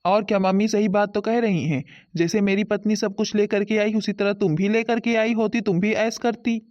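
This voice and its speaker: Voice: mid-range voice, steady tone, moderate pace, dry recording, highs cut off, pitched below the performer's own voice, lightly acted. A voice actor playing a blunt, reproachful young husband and son in a cartoon.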